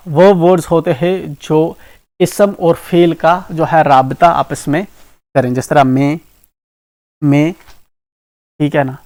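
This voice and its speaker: A man's voice: on the high side, darkish tone, no echo. A man with a Kashmiri accent teaching an exam-prep grammar lesson. He explains each term with examples and keeps checking in with "ठीक है ना". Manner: repeats "ठीक है ना" often, explains terms with examples.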